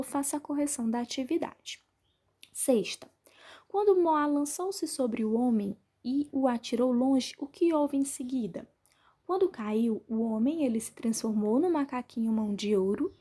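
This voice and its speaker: A woman teacher from Brazil with a high, husky voice, walking her pupils through the answers of an exercise. She speaks patiently and drags out each word she spells, and her tone is soft and mellow. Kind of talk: remote class lesson, correcting exercises.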